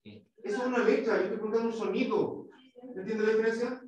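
A man's voice: high-pitched, fairly even intonation, fast, a little mellow. A male English teacher giving a classroom lesson, explaining step by step, quizzing students and demonstrating sounds. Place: school classroom. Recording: echoey classroom, mic far off.

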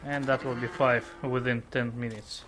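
A man's voice: medium pitch, normal speed, a little hiss or hum. A man in his forties streaming a game live from home on a headset, reading and answering his viewers' chat. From lives in the United Kingdom. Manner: relaxed, chuckles often, reads and answers chat; yelps and pleads when under attack in game. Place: home room.

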